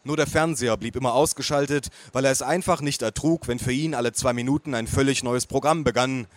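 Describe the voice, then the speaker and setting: A man reading a first-person audiobook in a calm, measured way with a wry edge. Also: mid-range voice, no room sound. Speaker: audiobook reader.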